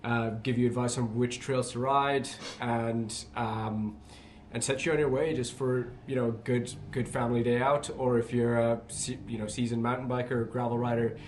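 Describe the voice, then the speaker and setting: A man's voice: medium pitch, flat delivery, moderate pace. A man from Northumberland with a local accent, chatting in a casual interview as a bike hire centre worker, often searching for his words. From Northumberland, England.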